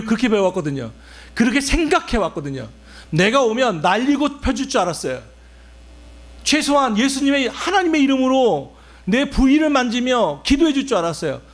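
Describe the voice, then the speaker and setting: A man preaching a sermon in a fairly high voice. His pitch rises and falls widely as he works through the passage. He keeps putting questions to his listeners. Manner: animated preaching with rhetorical questions to the congregation. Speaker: pastor.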